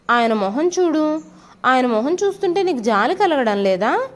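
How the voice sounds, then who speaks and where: A woman reading as a compassionate, reproachful wife. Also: sits high. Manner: earnest, reasoning.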